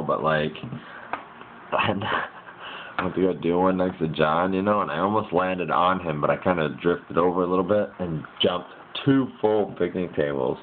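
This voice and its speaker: A man casually rambles through a dream he had, piecing it together in a hazy, puzzled way with informal, slangy wording. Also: low voice. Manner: informal slangy speech with mild swearing. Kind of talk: casual rambling first-person dream recounting. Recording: muffled lo-fi mic with hiss.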